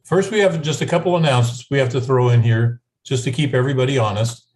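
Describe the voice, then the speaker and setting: A man co-hosts a group video call and runs through announcements in a laid-back way, pausing with fillers as he goes. His voice sits at an everyday middle pitch for a man. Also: poor audio. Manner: relaxed, many filler pauses. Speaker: co-host. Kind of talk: reading house rules, casual.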